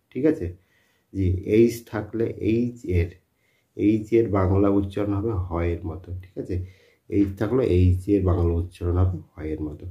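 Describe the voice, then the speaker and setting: A man teaching a spoken lesson, who repeats his points and answers his own questions. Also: low voice. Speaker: English teacher. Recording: dull lo-fi sound.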